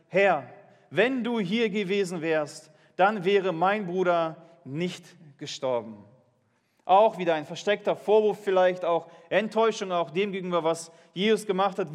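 A man with a notably high voice delivers a sermon, reading scripture aloud and explaining it. He speaks earnestly and often turns questions back to his listeners. The sound rings out with a long reverb from a church hall. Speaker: pastor.

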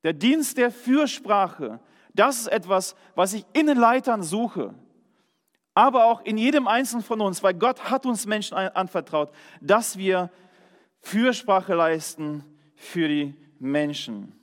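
A man with a high voice delivers an earnest, emphatic sermon built around a personal testimony. He keeps drawing in his listeners with short questions as he goes. His voice carries a long, ringing reverb from a church hall. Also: expressive, measured pace, fairly bright tone. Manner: checks in with listeners with a frequent "Ja?". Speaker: preacher.

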